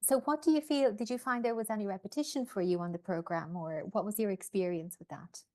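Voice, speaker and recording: A woman's voice: mid-range voice, a little fast, a little mellow. A woman admissions officer hosting an online info session, friendly and upbeat as she introduces and interviews students.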